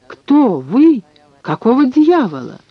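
A man's voice: high voice, expressive, normal speed, dry recording, highs cut off. A man voicing a jittery, fussy old male historian who yelps and shrieks in an audiobook. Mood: shrill. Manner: yelping, fussy.

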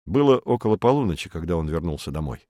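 Measured, expressive male audiobook narrator. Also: deep voice, dry recording, studio quality.

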